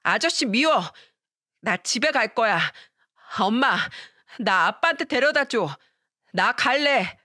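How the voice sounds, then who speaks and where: A woman putting on a high, shrill five-year-old boy, jealous and whining, tantrum-prone, from a storybook reading with a dry close sound. The childish voice pitches well above her own as he yells and sulks. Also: lively intonation, takes it slowly, dry recording, full character voice.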